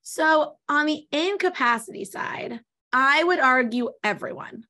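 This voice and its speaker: Clear-speaking woman explaining law. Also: high voice, sharp tone. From Los Angeles, California. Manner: measured, explains step by step with small restarts. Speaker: estate planning attorney guest. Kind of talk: explanatory interview answer.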